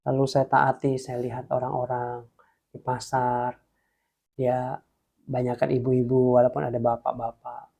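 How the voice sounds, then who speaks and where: Young guy from jepara preaching his testimony, gravelly voice, goes quiet then gets all fired up, keeps saying guys. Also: medium pitch, measured pace. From Indonesia, Jepara. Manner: storytelling, addresses listeners as "guys", swings from hushed to excited. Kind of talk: testimony sermon to camera.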